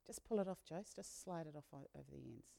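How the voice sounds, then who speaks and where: A woman, leading an all-age sermon as a minister and retelling a story in a lively, slangy, conversational way. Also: low voice, fast, gravelly. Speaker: minister leading a children's talk.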